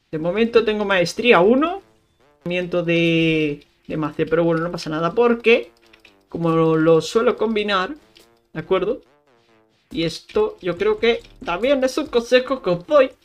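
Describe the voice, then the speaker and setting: A woman with a Spain Spanish accent giving casual, playful commentary while playing a video game, teasing enemies and talking straight to her viewers. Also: mid-range voice. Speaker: gaming YouTuber.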